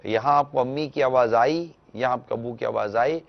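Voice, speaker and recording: A man answering a caller's question on a religious talk show, explaining gently and instructively and acting out small household exchanges. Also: medium pitch, creaky, highs cut off. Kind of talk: televised religious advice talk.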